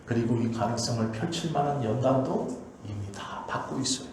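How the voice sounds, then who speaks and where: A man's voice: medium pitch, moderate pace, a little mellow, a little hiss or hum. A male pastor preaching a Sunday sermon with emphatic, repetitive exhortation into a pulpit microphone. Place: church sanctuary. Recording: very echoey church hall.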